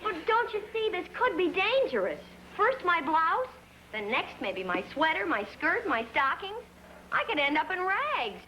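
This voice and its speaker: An actress playing a melodramatic, self-admiring young college student who talks in theatrical, exaggerated alarm, in 1950s sitcom style. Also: female voice, very high voice, huge pitch swings, a little slow, pushed and bright, a little hiss or hum, exaggerated voice, rough recording. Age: young adult. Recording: old TV soundtrack, studio audience laughter.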